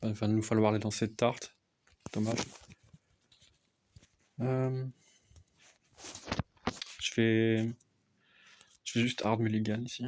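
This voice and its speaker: A young man softly explaining a card game deck as casual gameplay commentary, often hesitant with fillers. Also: little pitch movement, takes it slowly, long pauses, background noise. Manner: speaks softly, low volume. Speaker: card game content creator.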